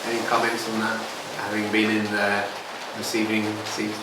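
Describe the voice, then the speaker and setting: A man's voice: on the low side, completely flat delivery, moderate pace. Echoey, distant man informally teaching hypnotherapy. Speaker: hypnotherapy instructor. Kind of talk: informal teaching, answering questions. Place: reverberant room. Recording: distant mic in echoey, noisy room.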